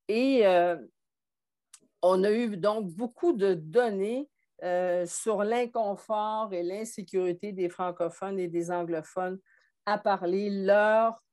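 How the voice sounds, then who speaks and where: A woman's voice: mid-range voice, darkish tone. A woman in her sixties from Montreal with a Québécois French accent, a podcast guest telling her story in a thoughtful way with frequent hesitations. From Montreal, Quebec. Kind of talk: conversational interview.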